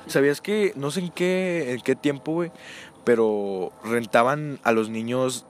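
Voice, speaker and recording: A man's voice: medium pitch, measured pace, a little hiss or hum. A young man with a Mexican accent telling crude, slangy stories in casual chat, acting out the voices of people in them. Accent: Mexican Spanish.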